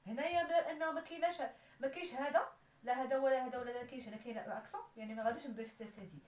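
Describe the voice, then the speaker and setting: A woman's voice: high-pitched, rapid-fire, a little hiss or hum. A woman with a Moroccan accent explaining French grammar as a teacher, spelling out letters and verb endings. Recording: roomy echo, voice somewhat far from the mic.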